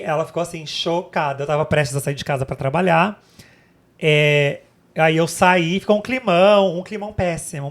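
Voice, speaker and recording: A woman in her thirties with a Brazilian accent, co-hosting a podcast and telling a personal story in an animated, dramatic way. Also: on the low side. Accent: Brazilian Portuguese. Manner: animated, dramatic retelling, acts out quotes. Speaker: podcast co-host. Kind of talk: casual chat, personal storytelling.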